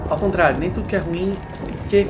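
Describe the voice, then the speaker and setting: A Brazilian man streaming live gameplay commentary, excitable and given to repeating himself, switching between yelling at the game and quiet apologies to his chat. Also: high voice, brisk. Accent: Brazilian Portuguese. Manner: repeats phrases over and over. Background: music.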